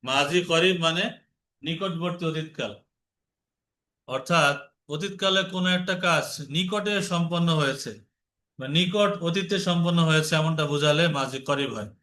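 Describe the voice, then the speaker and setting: A man's voice: a little high, moderate pace, bright, forceful tone. A man teaching Urdu grammar from slides, explaining in Bengali and patiently repeating drill phrases. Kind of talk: slide-based grammar lesson.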